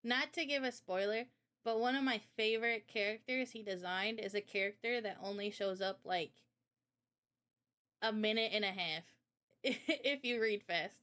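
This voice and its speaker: A woman presents her visual novel as its developer during a livestream Q&A, explaining the project informally in slangy everyday language. Her medium-pitched voice moves at a normal speed, a bit bright and clean.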